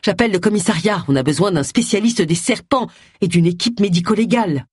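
A reader voicing a calm, firm male police detective in an audiobook. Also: medium pitch, brisk, husky, dry recording, clean studio sound, lightly acted. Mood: commanding.

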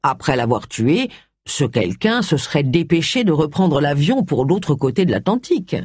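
Un lecteur de livre audio fait parler un homme, ami taquin et attentionné, sur un ton calme. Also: male voice, a little high, moderate pace, breathy edge, dry recording, clean studio sound. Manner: teasing, reassuring. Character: man, an affectionate teasing friend. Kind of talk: audiobook character voice.

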